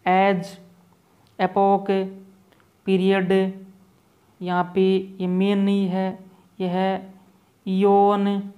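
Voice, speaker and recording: In Hindi sprinkled with English terms, a man teaches an exam-prep vocabulary lesson, going through each word slowly and repeating his points. His voice is high, monotone, and somewhat dark in tone.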